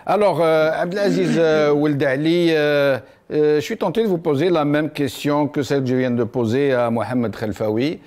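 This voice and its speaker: A man's voice: on the high side, normal speed, hardly any pauses, a little mellow. Hesitant male talk show host. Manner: hesitant, many fillers, formal address. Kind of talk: political talk show hosting.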